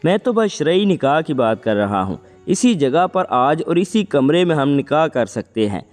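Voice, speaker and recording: A man's voice: on the high side, big pitch swings, a little mellow. A man reading the part of a stubborn young man who begs and insists on marriage, in a storybook reading with faint music behind. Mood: insistent. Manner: insistent, begging. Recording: long reverb, faint music.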